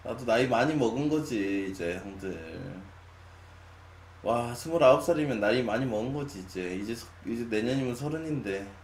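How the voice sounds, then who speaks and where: A man of twenty-nine chatting casually with his stream viewers, musing with long sighs and drifting between loud and quiet. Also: medium pitch, expressive, normal speed. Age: 20s. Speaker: live streamer. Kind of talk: casual late-night chat with viewers. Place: small room at a desk. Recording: echoey room, faint hum.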